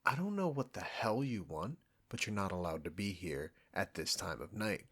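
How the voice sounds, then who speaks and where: Taking on the role of a proud restaurant chef, a man speaks directly to the listener in an audio roleplay with a low, slightly rough, somewhat bright voice. The heavily acted delivery is combative and sarcastic with an irritable, condescending edge, annoyed and firm, with lively intonation at a moderate pace.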